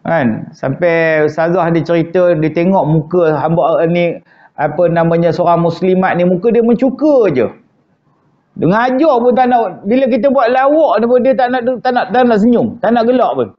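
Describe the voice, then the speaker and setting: A man's voice: high voice, normal speed, muffled recording. A Malaysian man teaching an evening mosque lecture in a joking, conversational way, often acting out quoted wives. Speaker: religious teacher. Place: prayer hall.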